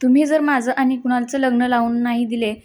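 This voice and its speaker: A woman's voice: a little high, fairly even intonation, fairly quick, a little mellow, lightly acted. A woman voicing a brazen young woman who mocks and blackmails a family, in a storybook narration. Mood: taunting. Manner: smug, mocking.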